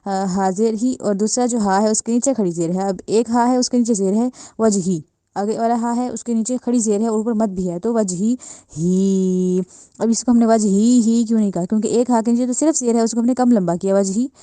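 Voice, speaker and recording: A woman teaching Quran recitation, slowly sounding out each word and repeating the correct and incorrect forms. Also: fairly high pitch, warm tone, no room sound. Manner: drills words slowly, contrasts wrong and right forms. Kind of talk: step-by-step pronunciation lesson.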